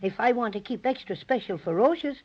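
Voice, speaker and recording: A woman's voice: on the high side, lively intonation, brisk. A woman voicing a small, cheerful, boastful cinnamon teddy bear in a 1930s radio drama, with folksy chatter. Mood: chatty. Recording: dull lo-fi 1930s radio transcription.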